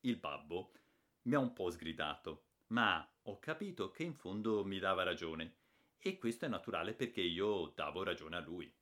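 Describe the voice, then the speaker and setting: A man reading a children's novel aloud as an expressive audiobook narrator. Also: sits low, normal speed. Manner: expressive, lively storytelling.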